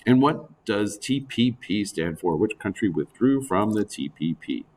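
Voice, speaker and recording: A male teacher giving a recorded lecture in a conversational way with asides, his voice going hoarse. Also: lowish voice, lively intonation, measured pace, a little mellow. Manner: conversational, with frequent fillers and asides. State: losing his voice.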